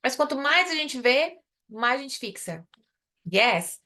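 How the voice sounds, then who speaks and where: A woman's voice: sits high, very animated, sharp tone. Brazilian woman teaching English live. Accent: Brazilian Portuguese. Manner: explains in Portuguese, drilling English example phrases slowly. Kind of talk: live online English lesson.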